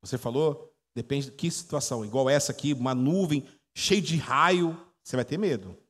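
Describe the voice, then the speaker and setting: A man's voice: mid-range voice, moderate pace. A Brazilian man in his forties, a pastor giving a chatty teaching sermon, telling stories and quizzing his congregation. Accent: Brazilian Portuguese. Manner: chatty storytelling, quizzes the audience. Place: church hall. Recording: echoey church hall.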